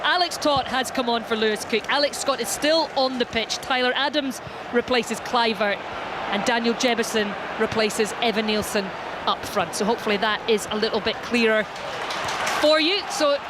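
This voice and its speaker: Behind this football commentator's live radio-style call of the match, outdoor stadium ambience comes through clearly. He speaks at normal speed in a mid-range voice.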